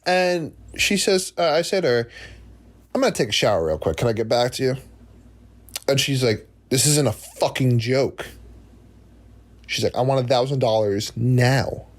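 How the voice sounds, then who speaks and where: A man's voice: mid-range voice, moderate pace, pauses often. A man in his twenties from New Jersey, telling a comic story on a podcast and acting out the people in it. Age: 20s. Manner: animated, acts out quoted voices. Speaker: podcast host. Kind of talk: comedic storytelling.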